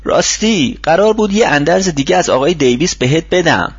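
A man's voice: fairly high pitch, lively intonation, husky, no room sound, dull audio, pitched above the performer's own voice. A man reading a storybook, voicing a kindly older mentor who runs a workshop and gives patient advice. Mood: advising. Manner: patient, advising tone.

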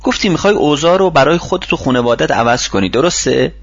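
Male reader playing patient older workshop mentor, lively advising voice, husky, dull dry audiobook sound. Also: a little high, dry recording, pitched above the performer's own voice.

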